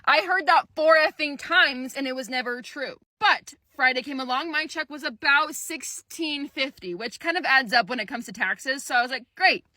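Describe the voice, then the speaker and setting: A woman's voice: high-pitched, normal speed, few pauses, no room sound. A young woman, a travel nurse, telling her story in an exasperated, sarcastic, casual vlog. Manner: exasperated, sarcastic, animated retelling.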